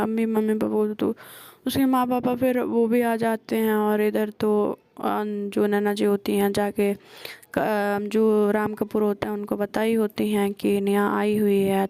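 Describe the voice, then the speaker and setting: Woman storyteller, gravelly dark voice, flat even delivery, dry close mic. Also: medium pitch, dry recording. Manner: retells scenes with quoted dialogue, frequent hesitations. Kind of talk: casual spoken story retelling.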